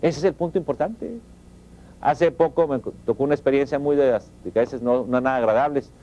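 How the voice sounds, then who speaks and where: A man's voice: mid-range voice, fairly quick. A middle-aged Mexican man, a professor, giving an emphatic, conversational motivational talk on family values with rhetorical questions. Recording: dull lo-fi recording.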